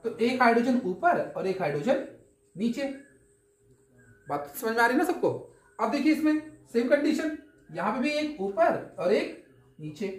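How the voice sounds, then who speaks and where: A chemistry teacher with a fairly high, sing-song voice delivers a classroom lecture at normal speed, pausing often. She patiently explains things step by step, asks questions and answers them herself, and keeps checking that everyone is following. The room echoes.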